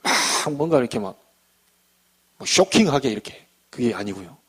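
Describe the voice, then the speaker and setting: A man preaching a midweek church sermon, talking in a lively, conversational way and acting out little everyday scenes. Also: mid-range voice, normal speed, husky. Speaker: pastor.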